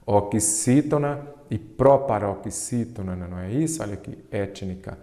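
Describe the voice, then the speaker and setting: A Brazilian man with a fairly low voice gives an exam-prep grammar lesson, asking questions and answering them himself while he stretches the key terms. The sound is echoey, with a long reverb tail like a bare hall. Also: lively intonation, mellow. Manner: didactic, asks and answers his own questions, stretches key terms slowly. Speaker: Portuguese teacher.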